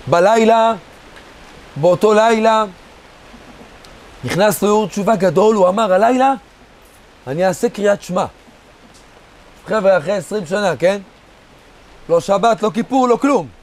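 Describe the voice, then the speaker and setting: A man's voice: high-pitched, pauses often. A man, a rabbi, telling a story in a sermon in short, dramatic phrases and calling his listeners "guys". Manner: addresses listeners casually as "guys" while narrating. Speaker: rabbi giving a Torah lesson.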